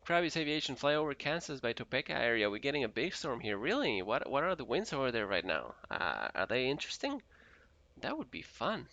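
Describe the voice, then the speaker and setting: A man's voice: medium pitch, very animated, fairly quick, pushed and bright, muffled recording. A man from Mexico streaming a flight simulator, chatting casually and reading viewer messages aloud with frequent laughs. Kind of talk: casual live-stream commentary reading chat.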